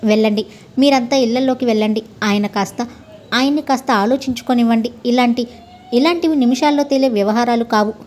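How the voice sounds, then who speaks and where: A woman voicing a hot-tempered young man who blusters loudly and threatens his rival, in a storybook reading. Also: on the high side, fairly quick, slight background noise, lightly acted. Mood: heated. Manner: loud, blustering.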